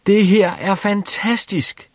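A man voicing a cheerful, simple-minded young peasant who shouts merrily. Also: high-pitched, no echo, studio quality, voice pushed up. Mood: exuberant.

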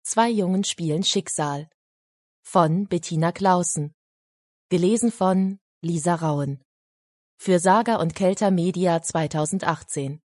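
A woman reading a children's story as audiobook narrator, calm and even. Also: fairly low pitch, unhurried, no room sound. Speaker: audiobook reader. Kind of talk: scripted narration. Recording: dry studio voice.

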